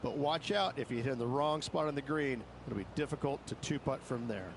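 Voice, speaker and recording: A man's voice: medium pitch, brisk, noisy background, lightly acted. A man playing an explanatory golf analyst, narrating scripted previews of each hole for a video game. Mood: explanatory, measured. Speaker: golf course guide and analyst.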